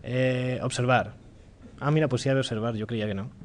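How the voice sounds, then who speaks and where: Spanish guy from spain doing a live coding talk, jokey, mid pitch, kinda rambly. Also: fairly even intonation, a little fast. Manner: informal, joking, thinking aloud. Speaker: conference speaker. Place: lecture room.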